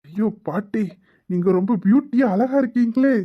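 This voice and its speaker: A man's voice: very high-pitched, moderate pace, no echo, dull audio. A man doing a cheeky, teasing young grandson. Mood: playful. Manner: teasing, playful. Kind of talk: web drama voice acting.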